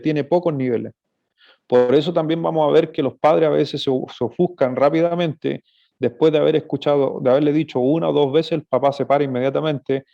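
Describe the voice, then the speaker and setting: Gravelly-voiced man preaching on parenting. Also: on the high side, mellow. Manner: earnest, explanatory, asks rhetorical questions. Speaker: pastor giving a talk on marriage and parenting. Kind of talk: sermon-style lecture. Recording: dull lo-fi recording.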